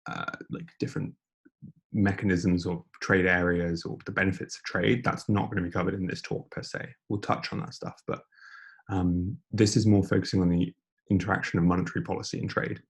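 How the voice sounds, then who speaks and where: A young man giving an informal online lecture, speaking in a hushed near-whisper as quietly as possible, breathy as if losing his voice. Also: sits low, flat delivery, fairly quick. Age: young adult. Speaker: debating lecturer.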